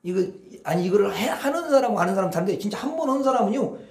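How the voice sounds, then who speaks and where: A man preaching a sermon as pastor, drawing the congregation into call-and-response and swinging between hushed murmurs and loud outbursts. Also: high-pitched, lively intonation, racing, vocal fry. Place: church sanctuary. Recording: echoey church hall.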